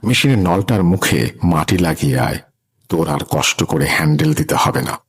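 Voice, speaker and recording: A man doing a slow, teasing old ghost woman. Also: extremely low pitch, expressive, slightly rough, exaggerated voice.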